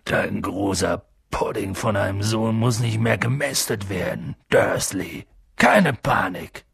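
A man voicing a huge, gruff male giant with a quick temper who bellows and booms in an audiobook reading. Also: a bit bright, dry recording, clean studio sound, exaggerated voice. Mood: gruffly amused. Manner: booming, bellowing outbursts. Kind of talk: audiobook character voice.

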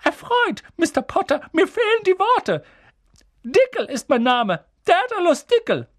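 A squealing, starstruck little wizard in an audiobook, pitched very high. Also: male voice, very animated, unhurried, full character voice. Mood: overjoyed. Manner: shrill, breathless, gushing. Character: excitable little wizard man in top hat.

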